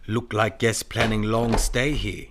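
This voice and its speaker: A man's voice: fairly low pitch, level tone, measured pace, background noise, lightly acted. Man acting a clipped detective, Charlie Chan. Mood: calm, shrewd. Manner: clipped broken English, dropped articles, aphoristic. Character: shrewd Chinese detective, soft-spoken, dispensing proverbs. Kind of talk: audio drama acting of a 1930s mystery.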